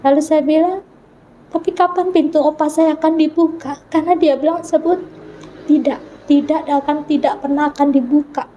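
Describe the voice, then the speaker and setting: Wanita bersuara tinggi yang bercerita dengan sungguh-sungguh. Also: female voice, high-pitched, fairly even intonation, normal speed, mellow, dull audio, slight background noise. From North Sulawesi, Indonesia. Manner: earnest storytelling, acting out remembered dialogue. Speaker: guest telling her conversion story. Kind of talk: personal testimony in an interview.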